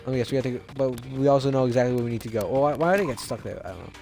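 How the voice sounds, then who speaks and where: A man's voice: mid-range voice, rapid-fire, creaky, darkish tone, soft background music. A man playing a video game and commenting casually, with rambling, self-interrupting asides. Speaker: video game let's player. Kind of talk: casual game commentary with character read-alouds.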